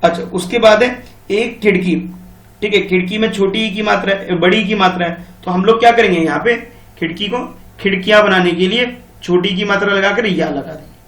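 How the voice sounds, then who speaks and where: High-voiced man teaching in an echoey room. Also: normal speed, fairly bright tone, recorded from a distance. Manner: explains patiently, repeats key points, calls students beta. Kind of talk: online Hindi grammar lesson for children.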